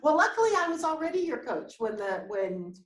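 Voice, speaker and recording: A woman with a slightly raised pitch hosts a coaching interview over a video call. She explains ideas and checks in with her guest through questions. Her voice sounds roomy. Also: very animated, fairly quick. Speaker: business coach, host.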